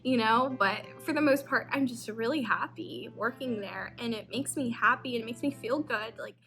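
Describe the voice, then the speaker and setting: A young woman vlogging casually, chatty and excitable, emotional and close to tears. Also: on the high side, moderate pace, faint music behind. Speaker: vlogger, theme park employee. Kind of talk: casual emotional vlog chat.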